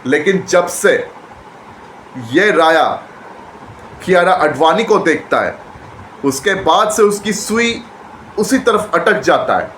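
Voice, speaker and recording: High-voiced man recapping a trailer. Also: takes it slowly, long pauses. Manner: excited retelling with repetitions and restarts. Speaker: movie trailer reviewer. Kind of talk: casual trailer reaction. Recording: echoey room with faint background noise.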